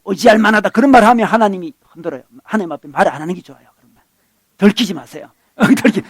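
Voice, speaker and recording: A pastor delivering a sermon, preaching emphatically and swinging between loud bursts and quiet asides. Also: male voice, sits high, dry recording.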